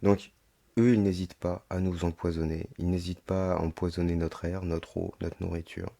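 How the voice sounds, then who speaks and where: A man's voice: deep voice, level tone, moderate pace, creaky, warm tone. A man hosting a solo podcast, reading aloud and commenting with rhetorical asides, his throat sounding sore and swollen, as with tonsillitis. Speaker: podcast host. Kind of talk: monologue reading a text aloud with running commentary.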